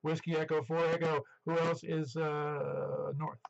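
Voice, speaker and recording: Man in his seventies, gravelly fry, slightly raised pitch, muffled two-way radio, net controller, rambling casual check-in talk. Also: flat delivery, measured pace, slight background noise. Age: 70s. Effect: two-way radio transmission. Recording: dull band-limited ham radio audio.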